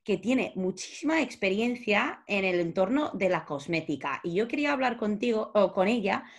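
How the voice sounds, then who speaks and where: A woman's voice: mid-range voice, lively intonation, normal speed. A woman hosting a casual podcast interview, chatty, with frequent fillers and restarts. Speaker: podcast host.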